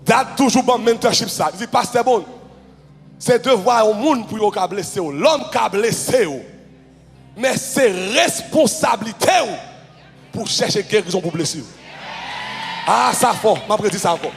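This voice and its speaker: A man with a Haitian accent preaching a fervent sermon as pastor, shouting and chanting in a sing-song rhythm. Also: high voice, expressive, measured pace, creaky. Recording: reverberant hall with music. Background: music.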